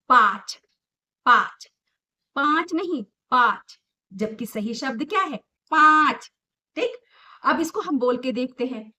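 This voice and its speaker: A young woman teaching small children, sing-song and emphatic, asking questions and answering them herself. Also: on the high side. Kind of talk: children's lesson.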